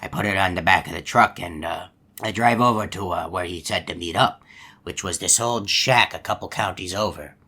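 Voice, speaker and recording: An actor playing a folksy, long-winded, gullible hippo animatronic in a video game, telling stories in a polite, meandering way. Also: male voice, low-pitched, normal speed, pushed and bright, breathy edge, full character voice. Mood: genial, reminiscing. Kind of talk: video game character monologue.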